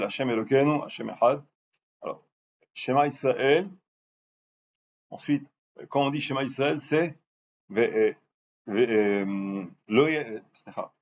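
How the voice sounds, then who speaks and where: A man teaches a religious class in a plain conversational voice of middle pitch. He slows right down to stress Hebrew words syllable by syllable and keeps checking that his listeners understand. The recording is dull and lo-fi, with faint noise behind him. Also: a little mellow. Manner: stresses Hebrew words slowly to demonstrate pronunciation; asks listeners for confirmation often. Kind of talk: informal religious lesson.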